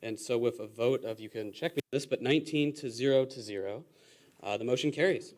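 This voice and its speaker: Young guy running a student senate meeting, brisk and procedural, calling votes. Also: mid-range voice. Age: young adult. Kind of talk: parliamentary procedure.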